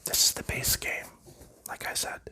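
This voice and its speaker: A man, an ASMR creator, whispers his way through a board game, explaining the rules and components in a soft, unhurried voice.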